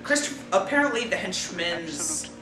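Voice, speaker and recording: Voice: medium pitch, sing-song, normal speed. A movie reviewer chatting casually and hesitantly, with many ums and fillers. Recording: roomy distant mic with music.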